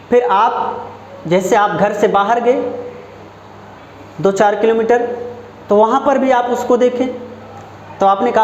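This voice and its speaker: Slow, high-voiced Hindi grammar teacher. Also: male voice, darkish tone, muffled recording. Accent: Hindi, from Uttar Pradesh. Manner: slow and deliberate, repeating phrases and checking understanding. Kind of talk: classroom lesson. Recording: echoey room with faint background noise.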